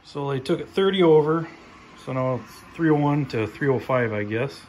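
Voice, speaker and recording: A man giving a relaxed, plain-spoken update while filming his own project in a home garage on a handheld phone. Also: medium pitch, moderate pace, slight background noise. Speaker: tractor restoration vlogger. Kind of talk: casual workshop update. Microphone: handheld phone camera, filming while talking.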